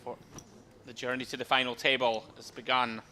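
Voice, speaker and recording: Forceful, bright-voiced male poker analyst. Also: mid-range voice, flat delivery, normal speed, a little hiss or hum. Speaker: poker tournament co-commentator. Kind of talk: live commentary with conversational analysis.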